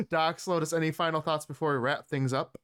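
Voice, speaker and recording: A man's voice: fairly high pitch, expressive, moderate pace, a bit bright. A man hosting a casual podcast chat, laid-back and laughing often. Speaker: podcast host.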